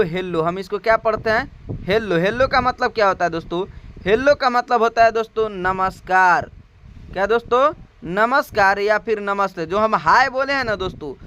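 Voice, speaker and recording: A man's voice: very high-pitched, bright, forceful tone, smooth. A man with a Hindi accent teaching English to Hindi speakers, spelling out words, repeating them and asking his viewers questions. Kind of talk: spoken language lesson.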